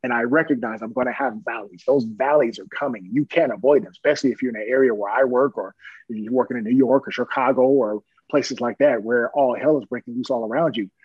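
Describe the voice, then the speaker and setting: Husky middle-aged man telling stories. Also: medium pitch, fast talker, dry recording, highs cut off. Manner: earnest, plain-spoken, chuckling storyteller. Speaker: police officer. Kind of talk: personal storytelling in an interview.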